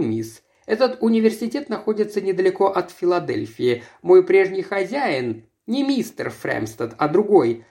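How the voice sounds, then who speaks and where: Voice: mid-range voice, a little mellow. A reader as a terse, dry-witted chauffeur. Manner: curt, understated replies. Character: young man, educated chauffeur, reserved and dry-witted.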